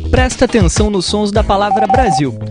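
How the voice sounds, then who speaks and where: A man presenting a short grammar lesson, speaking slowly and clearly with playful examples. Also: high voice, lively intonation. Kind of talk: scripted educational narration. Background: music.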